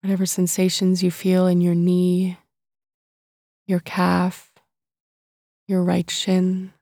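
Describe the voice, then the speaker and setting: A woman with a soft voice narrating a guided body-scan meditation in a calm, soothing, unhurried way, leaving long pauses between phrases. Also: on the low side, no echo, clean studio sound.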